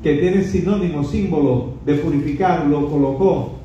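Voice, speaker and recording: A man's voice: on the high side, normal speed, mellow, slight background noise. A man preaching a Bible study sermon emphatically, heard from a distance in a very echoey space. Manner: emphatic, dramatizes scripture quotes. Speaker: pastor teaching a Bible study. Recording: echoey, distant, dull sound.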